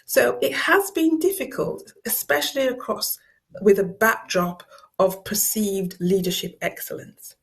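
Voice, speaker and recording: A middle-aged professor from Yorkshire, England, gives an academic guest lecture in a Yorkshire English accent. Her mid-range voice is gravelly and husky, expressive and unhurried, and she often repeats words while searching for the next phrase.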